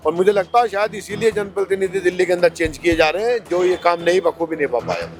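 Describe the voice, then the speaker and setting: A man's voice: high voice, fairly even intonation, fast talker, over music. A male politician answering interview questions, arguing his party's case with rhetorical questions. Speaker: politician, candidate.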